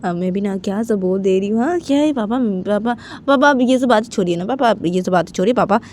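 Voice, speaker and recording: A woman's voice: medium pitch, fast talker, a little mellow, a little hiss or hum, pitched above the performer's own voice, natural voice. A woman voicing a college-age daughter who pleads with her father, repeating "papa" over and over in an amateur spoken story. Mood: flustered. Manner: repetitive, pleading with many "papa"s.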